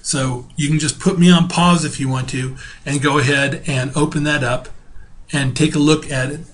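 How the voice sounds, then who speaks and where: A middle-aged man teaching a relaxed recorded video lecture from home, talking casually with fillers and restarts. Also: a little high, slight background noise. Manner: spells out terms slowly.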